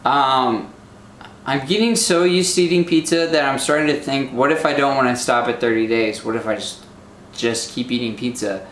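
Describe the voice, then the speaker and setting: A man's voice: medium pitch, normal speed, fairly bright tone. Young man, casual vlog, rambling and easygoing, echoey kitchen with a faint hum. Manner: rambling, filler-heavy, easygoing. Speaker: vlogger. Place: home kitchen, indoors.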